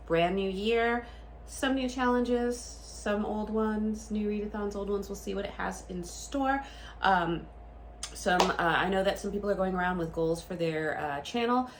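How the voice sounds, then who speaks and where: This mid-range female voice carries a little hiss or hum. She's a woman in her late thirties who hosts a book channel, chatting casually to camera while nasal and stuffed up from a cold, rambling with frequent ums and restarts.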